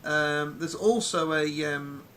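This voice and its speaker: A man's voice: fairly high pitch, fairly even intonation, takes it slowly, fairly bright tone, a little hiss or hum. A man hosting a casual live chat, rambling with plenty of ums and restarts. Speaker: podcast host.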